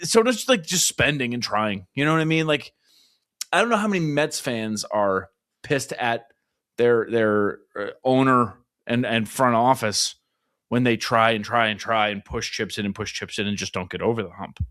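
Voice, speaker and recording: A man's voice: mid-range voice, normal speed, a bit bright. A man co-hosting a sports podcast in casual chat, ranting with exasperation and mocking other people's words. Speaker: podcast co-host.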